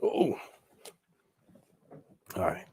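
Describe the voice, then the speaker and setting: A man's voice: very slow, mellow, slight background noise. A man hosting a casual livestream who breaks off to close a door, speaking in a laid-back, slangy way. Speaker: livestream host reading viewer chats. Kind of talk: casual chat.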